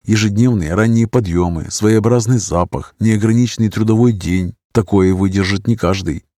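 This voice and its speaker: Low-voiced guy reading an audiobook, even and measured, very dry close mic. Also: no echo. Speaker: narrator. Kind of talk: audiobook narration.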